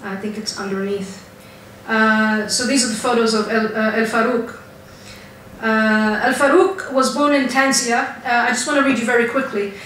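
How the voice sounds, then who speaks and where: Female academic lecturer, casual and halting, off-mic in a boomy hall with faint hiss. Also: fairly even intonation, fairly bright tone. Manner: conversational, hesitant with fillers. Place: lecture room. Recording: very echoey room, distant mic, faint hiss.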